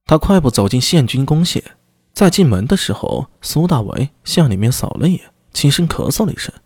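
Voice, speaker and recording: A man narrates a serialized story in an expressive, conversational way. His voice is husky and animated in pitch. The recording is dry and close to the mic. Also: fairly quick, dry recording. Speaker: audiobook narrator.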